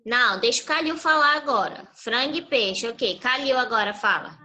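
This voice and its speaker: A woman's voice: a little high, normal speed, pushed and bright, low-quality recording. A woman teacher giving a patient online review class to young children over a video call, prompting them with fill-in questions.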